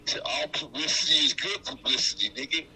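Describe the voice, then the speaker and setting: A man's voice: a little high, a little fast, sharp tone, slight background noise, low-quality recording. A man in his sixties, a regular on a casual podcast, talking loosely and emphatically over a video call. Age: 60s. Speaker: co-host.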